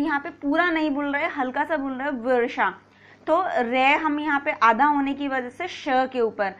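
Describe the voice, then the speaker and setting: A woman's voice: high voice, fairly bright tone, muffled recording. A woman teaching a grammar lesson, patiently explaining, asking and answering her own questions, and repeating key points.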